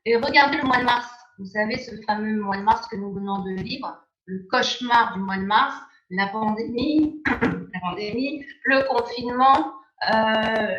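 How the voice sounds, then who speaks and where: A woman presenting an online sales pitch, emphatic and persuasive, heard over a video call. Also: a bit bright, reverberant, lo-fi sound.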